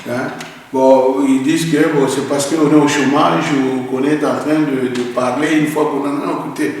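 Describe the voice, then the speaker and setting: A man's voice: medium pitch, fairly even intonation, normal speed. Man, earnest guest, long hall reverb, faint noise. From Congo (DRC). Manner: earnest, emphatic, repeats words while searching. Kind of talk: interview answers. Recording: echoey roomy hall from a distance, faint noise.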